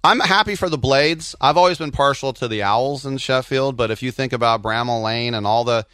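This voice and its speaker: A man's voice: medium pitch, a little fast, a bit bright, clear, resonant tone, no room sound. A man talking casual sports as a co-host, wandering off into anecdotes. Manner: digressive, anecdotal. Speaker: soccer commentator and co-host.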